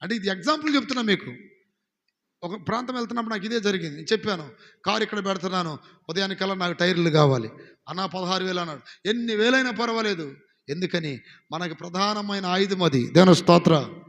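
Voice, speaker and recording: High-voiced Telugu pastor preaching in a hall. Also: male voice, fast talker, a bit bright. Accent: Andhra Telugu. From India. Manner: exhorting, calls congregation to repeat phrases. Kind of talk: sermon. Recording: live sermon with long hall reverb.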